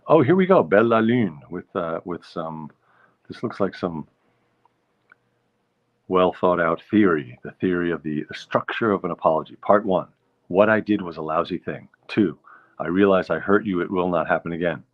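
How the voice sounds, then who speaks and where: A man's voice: deep voice, normal speed. A man hosting a casual stream, reading viewer comments aloud and musing over them in a wry, easygoing way. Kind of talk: casual chat. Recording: dull lo-fi sound.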